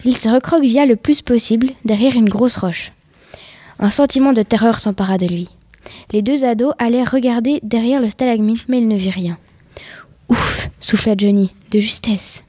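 A woman's voice: a little high, a little fast, mellow, no room sound. A woman reading a suspense story aloud, sometimes sinking into a whisper at tense moments. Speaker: story reader.

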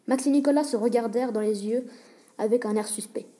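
A woman reading a short school story aloud in a plain, even way. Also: fairly high pitch, a little fast. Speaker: story reader.

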